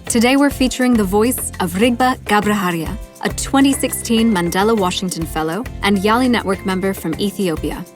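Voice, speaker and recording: Woman host reading a scripted intro. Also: medium pitch. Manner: smooth, even read of prepared introductions. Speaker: podcast host. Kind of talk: scripted narration. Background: faint music.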